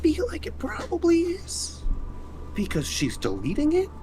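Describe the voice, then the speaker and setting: A man with a very high-pitched voice and huge pitch swings speaks a little slowly as a player in a tabletop roleplaying game. He chats casually, slipping in and out of character, with faint noise in the background.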